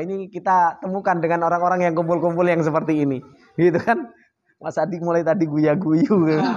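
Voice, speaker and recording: A man teaching an Islamic study circle in a casual, lively way. He asks the audience rhetorical questions and reads Arabic phrases before explaining them. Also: on the high side, dull audio. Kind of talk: casual religious study talk.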